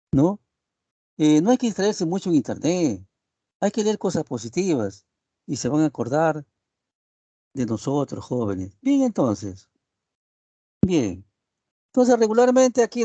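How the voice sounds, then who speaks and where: Rambling professor on a video call. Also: male voice, sits high, dark tone, dry recording. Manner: rambling, tag questions like "¿no es cierto?"; addresses students as "estimados alumnos". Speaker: university professor. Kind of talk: online class lecture.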